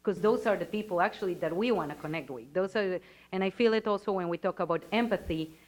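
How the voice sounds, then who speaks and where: A woman's voice: lowish voice, fast talker. A woman from Venezuela in the audience, earnestly building up a long question to the panel step by step. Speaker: audience member asking a question.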